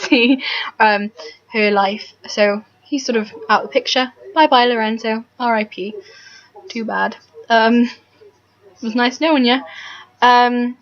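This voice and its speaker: A woman's voice: fairly high pitch, fairly bright tone, highs cut off. A woman rambling casually about history to camera, self-deprecating, full of ums and restarts, sounding tired in the early morning. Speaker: history vlogger.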